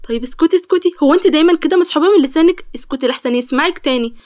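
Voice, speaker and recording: A woman's voice: sits high, rapid-fire, a little mellow, close to an everyday voice. A woman voicing a caring, sensible young female student who fusses over her friend, in an Egyptian Arabic accent. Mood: fussing. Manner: fussing, scolding kindly. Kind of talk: storytelling.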